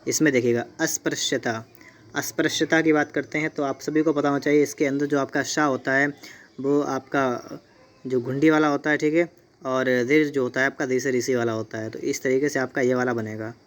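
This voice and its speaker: Man, Hindi teacher, exam-prep lesson, middle pitch, spells words slowly, keeps checking in. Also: fairly even intonation. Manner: repeats "theek hai" and "dekhiyega", spells words out slowly.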